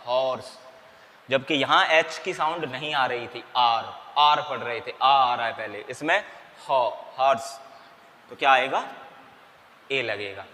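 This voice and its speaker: Man, grammar teacher, bright voice, long reverb, quizzes the class. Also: medium pitch. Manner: asks and answers his own questions; mixes Hindi and English, spells out letters. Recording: long reverb, faint background noise.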